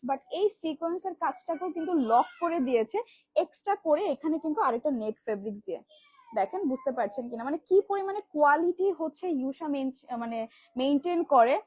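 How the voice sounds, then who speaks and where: A woman from Bangladesh hosting a live stream, showing children's dresses in rapid, filler-heavy sales patter. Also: sits high, a little mellow, dry recording. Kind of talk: live product demo selling kids' dresses. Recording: dull lo-fi livestream audio.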